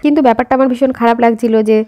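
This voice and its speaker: This Indian woman in her thirties talks quickly and casually to her audience in a vlog, filling her speech with fillers as she goes about errands outdoors and at home. Her Bengali accent carries a faint rural Jessore-Khulna lilt, and her a-little-high voice sounds steady and mellow on a camera positioned a way off.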